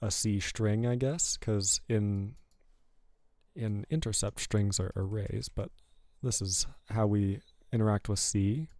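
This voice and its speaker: Slow-paced and fairly low-pitched, a programming livestream host chats casually as he works through code. His manner is relaxed and rambling, with frequent self-corrections, and there's no echo.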